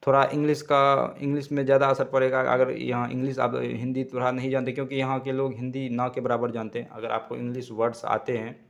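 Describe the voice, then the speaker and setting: Halting Hindi-speaking male tutor. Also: medium pitch, completely flat delivery, vocal fry, muffled recording. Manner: halting, self-correcting, repeats words slowly. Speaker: language teacher. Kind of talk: casual spoken lesson. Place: Tamil-speaking region.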